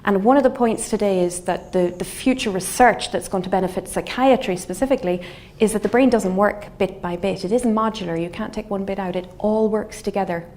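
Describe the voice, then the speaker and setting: A middle-aged Galway woman with a west of Ireland accent and a mid-range voice gives an explanatory lecture as a scientist. Her delivery is thoughtful, halting and semi-conversational, in a wood-panelled lecture room indoors with faint, steady room noise.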